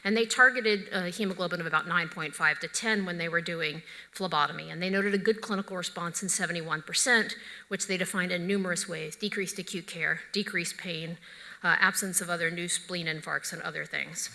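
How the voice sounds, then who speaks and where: Bright-voiced woman lecturing in echoey hall. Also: fairly low pitch, fairly even intonation, a little fast, creaky. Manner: conversational, opinionated, with joking asides. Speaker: physician lecturer. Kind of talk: conference lecture. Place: large conference hall.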